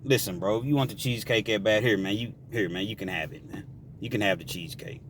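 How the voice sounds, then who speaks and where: A man voicing a calm, humble male prisoner who quietly pleads to be left alone. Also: noisy background, lightly acted. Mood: calm pleading. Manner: low, quiet, measured pleading.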